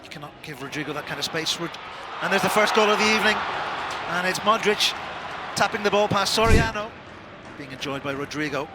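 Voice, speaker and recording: A man's voice: sits high, animated, a little fast. A man giving live commentary on a football match. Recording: loud noise behind broadcast commentary.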